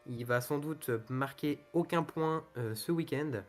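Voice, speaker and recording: A man's voice: fairly high pitch, unhurried, faint music behind. A man commentating on a motor race in a loosely improvised way, often hesitating as he searches for words. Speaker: motorsport commentator and host of a racing league show.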